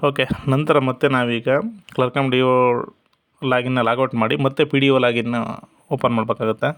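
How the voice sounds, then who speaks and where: A man narrating a step-by-step software walkthrough in a steady instructional manner. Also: medium pitch, fairly quick, clear, resonant tone. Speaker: software tutorial presenter. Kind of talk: screen-recorded software walkthrough.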